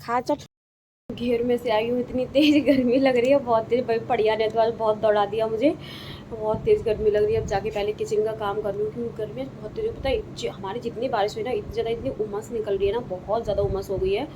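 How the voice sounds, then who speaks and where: A woman's voice: a little high, little pitch movement, fast talker. Chatty young woman vlogging, noisy audio. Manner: chatty, repeats herself for emphasis. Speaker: family vlogger. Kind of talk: casual vlog narration. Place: rural home with cattle yard and kitchen.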